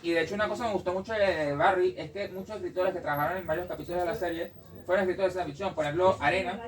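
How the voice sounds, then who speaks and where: Panelist, rapid, self-correcting man, mic far off. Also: sits high, fairly even intonation. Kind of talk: panel debate. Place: bookstore event.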